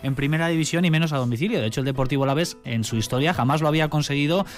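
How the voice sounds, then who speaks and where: A man with an accent from Spain chats through a radio sports round-up. His voice sits a little high and his delivery is halting and conversational, with some music behind him. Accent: Spanish from Spain.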